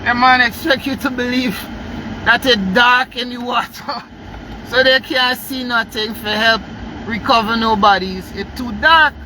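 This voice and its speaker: A man's voice: very high voice, steady tone, unhurried. A man with a Guyanese accent, vlogging outdoors beside a street with heated, sarcastic rhetorical questions. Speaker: protester vlogger. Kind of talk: angry street vlog rant. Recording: loud traffic noise outdoors. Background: passing vehicles.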